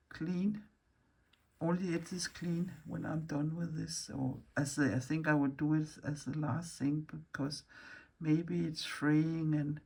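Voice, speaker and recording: Slow, gravelly-voiced Danish woman teaching. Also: sits low, darkish tone. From Denmark. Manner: chatty, thinks aloud, corrects herself mid-sentence. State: losing her voice, hoarse. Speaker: embroidery teacher. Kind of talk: hands-on stitching tutorial.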